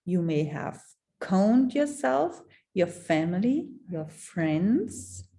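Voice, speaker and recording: A woman with a lowish, warm voice narrates a text aloud in a theatrical, deliberate storytelling style, using dramatic pauses.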